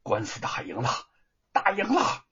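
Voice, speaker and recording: A man's voice: medium pitch, huge pitch swings, measured pace, a bit bright, breathy edge, highs cut off, full character voice. A man voicing a young scholar son in a spoken storybook, earnest and humble.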